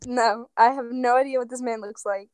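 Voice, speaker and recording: A woman's voice: fairly high pitch, normal speed, a little mellow. A woman on a video call whose voice is run through a voice changer, giving short, shy answers.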